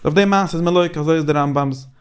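A man leading a casual Talmudic study discussion, animated and repeating phrases as he thinks aloud. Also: fairly high pitch, quick pace, a crowd in the background.

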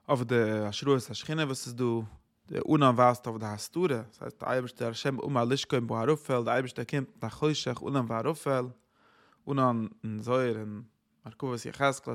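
Guy giving a torah talk, middle-pitched voice, earnest singsong preaching. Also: a bit bright. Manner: earnest, singsong preaching that swells when quoting verses. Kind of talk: Torah sermon.

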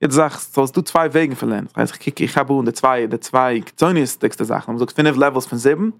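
A man's voice: medium pitch, a little fast, creaky, no room sound, studio quality. A man giving a spoken Torah lecture who often restarts and repeats phrases as he explains. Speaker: Torah teacher.

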